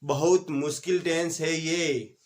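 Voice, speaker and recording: A man with a fairly high voice teaches an online English grammar class. He works through each point step by step, poses questions and answers them himself, and slows down to repeat key examples so students can write them down. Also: steady tone. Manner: repeats key examples slowly for note-taking.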